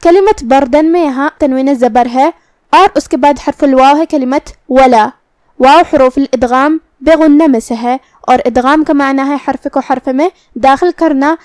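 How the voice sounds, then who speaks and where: A woman teaching Quran recitation, explaining each letter patiently and reciting verses slowly and precisely. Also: sits high, darkish tone, no echo, studio quality. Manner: precise, patient, drawn-out articulation of each sound. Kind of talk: slow, careful tajweed lesson with recitation.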